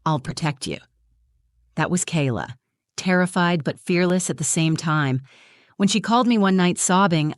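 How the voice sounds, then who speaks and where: A woman narrating a scripted first-person story in a measured, reflective way, with short dramatic phrases. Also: fairly low pitch, no echo, clean studio sound.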